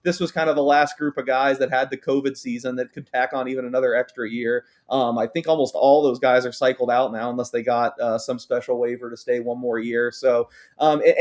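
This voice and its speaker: Hesitant male sports betting analyst. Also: medium pitch. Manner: hesitant, many ums and repeated words. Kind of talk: casual sports talk.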